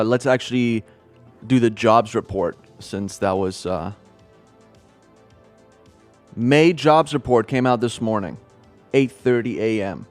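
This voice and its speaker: A man raised in Kenya giving calm, matter-of-fact market commentary. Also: mid-range voice. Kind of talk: financial news talk.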